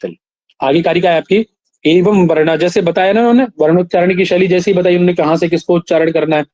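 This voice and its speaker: A man teaching a class, slowly reciting verses, then explaining them and quizzing his students. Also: sits high, fairly even intonation, a little mellow, no room sound, lo-fi sound. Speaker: Sanskrit teacher. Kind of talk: classroom lecture.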